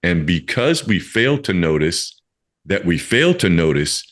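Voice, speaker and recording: Slightly slow and sing-song, this podcast host's deep voice has a fairly bright tone. He addresses listeners directly, effusive and encouraging, as he goes back and forth between a scripted introduction and casual chat.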